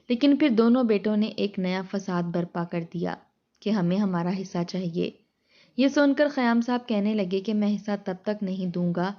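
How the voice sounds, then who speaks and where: A woman's voice: medium pitch, dull audio. A woman storyteller steadily reading a scripted, emotional family tale.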